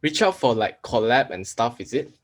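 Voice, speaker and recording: A man's voice: mid-range voice, big pitch swings, moderate pace. Young man hosting casually. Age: young adult. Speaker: podcast host. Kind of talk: casual chat. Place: plain room indoors, on a video call. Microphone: desk mic with headphones.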